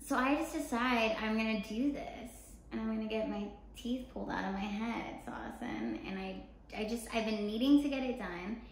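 In an echoey living room with faint background noise, a young American woman chats casually. Her voice sits fairly high, and she tells her story informally, acting out who said what with plenty of "like". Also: moderate pace. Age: young adult. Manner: animated retelling with quoted dialogue, frequent "like". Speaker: show co-host telling a personal story. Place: apartment living room, indoors. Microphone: camera mic a few feet away.

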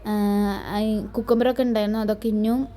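A woman talks through her morning kitchen routine in a homely, chatty way, tagging her lines with a friendly aside. Her voice is mellow and warm. She sits at a middle pitch and records herself on a phone in a home kitchen. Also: level tone, normal speed. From Kerala, India. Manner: chatty running commentary, tags many lines with a friendly "you know". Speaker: family vlogger and mother. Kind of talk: casual narrated cooking vlog. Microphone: phone camera, filming herself alone.

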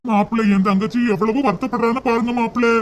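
A soft-hearted cartoon big brother. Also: male voice, extremely high pitch, steady tone, fast talker, slight background noise. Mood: pleading.

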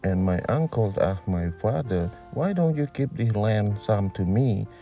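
A man's voice: fairly low pitch, lively intonation, gravelly, dark tone, faint music behind. A man giving a plain English voice-over of a translated interview. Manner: plain, slow, unhurried delivery in simple English.

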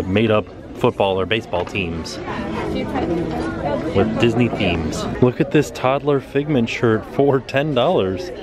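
A man in his thirties, a vlogger, chatting upbeat about prices while browsing a busy store on a handheld camera. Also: medium pitch. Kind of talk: casual vlog narration. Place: busy outlet store and parking lot.

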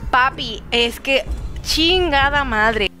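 A Mexican woman commenting casually on her gameplay, excitable and swearing freely, cooing pet names at an in-game baby. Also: high-pitched, slow, faint music behind. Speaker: gameplay streamer.

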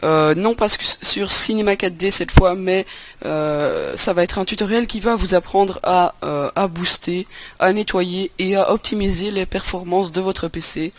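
A man's voice: sits high, measured pace. A young man from France hosting a casual computer tutorial, talking hesitantly with many fillers and restarts. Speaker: tutorial host. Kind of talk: casual screen-recorded tutorial.

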